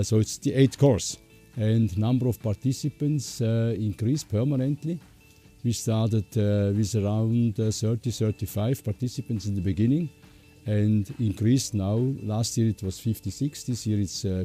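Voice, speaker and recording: A man who runs a training course, answering interview questions in a hesitant way with frequent filler pauses. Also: lowish voice, warm tone, slightly rough. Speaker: course instructor.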